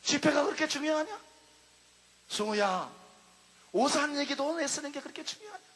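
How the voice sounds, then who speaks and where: A man's voice: extremely high pitch, sing-song, normal speed, a bit bright, full character voice. A male pastor voicing the Lord in a sermon, speaking in a solemn, admonishing tone. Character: the Lord, a calm, grave divine voice. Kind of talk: sermon retelling.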